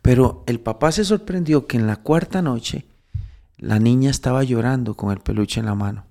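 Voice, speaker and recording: A devout man offering spiritual counsel tells a moral story in casual preaching talk, restarting often before building to raised, emphatic preaching. His mid-range voice is warm, at a normal speed.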